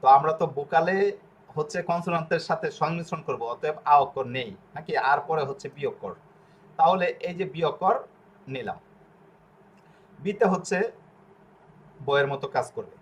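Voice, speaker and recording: A man's voice: fairly high pitch, normal speed, pauses often, slightly rough. A man teaching pronunciation step by step, patiently repeating syllables and asking checking questions. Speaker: language teacher.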